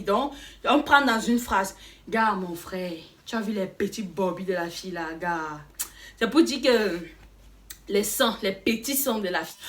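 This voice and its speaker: Bright, lively Cameroonian woman. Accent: Cameroonian French. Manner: animated, playful, drops into low slangy voice for example phrases. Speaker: vlogger. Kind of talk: casual explainer vlog.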